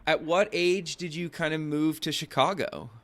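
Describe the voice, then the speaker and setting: A podcast and radio show host speaks at normal speed in a slightly bright, higher-pitched voice. Conversational and inquisitive, he hedges his phrasing loosely and says "kinda" often.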